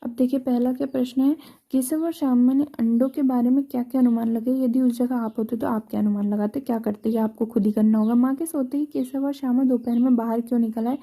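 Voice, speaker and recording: A woman teacher with a Hindi accent goes through a textbook chapter line by line. Her voice sits a little high but is very dark and mellow. She pauses, restarts and checks in with the class as she explains. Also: steady tone. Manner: retells each line then explains it, many restarts and "ठीक है". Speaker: school teacher.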